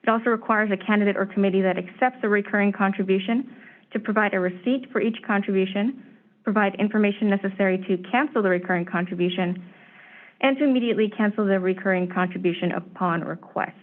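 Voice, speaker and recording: Over tinny phone-line audio, a woman briefs a commission meeting on proposed legislation as its staff presenter. She reads her prepared remarks in a measured, steady, formal way at a medium pitch. A slight hoarseness shows, and she clears her throat.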